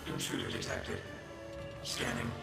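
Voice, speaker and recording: A man voicing a stern mechanical security robot in a video game, giving flat, clipped machine commands. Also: rumbling low, unhurried, vocal fry, full character voice. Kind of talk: video game character dialogue. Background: game music.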